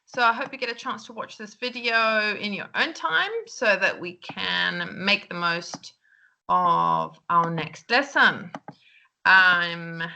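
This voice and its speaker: A woman's voice: medium pitch, creaky, pushed and bright, a little hiss or hum. A woman English teacher, giving recorded feedback to her class in a chatty way with lots of "um" and "okay?".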